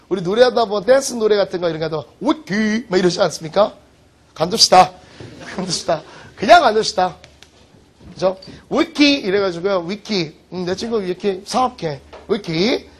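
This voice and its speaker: A man teaching vocabulary in an online lecture, joking and teasing his students with quick rhetorical questions. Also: high voice, breathy edge. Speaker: English teacher.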